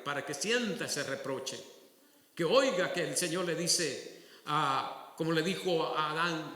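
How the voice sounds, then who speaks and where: A man preaching a sermon as pastor, swinging between loud exclamations and low asides. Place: church sanctuary. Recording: echoey church hall.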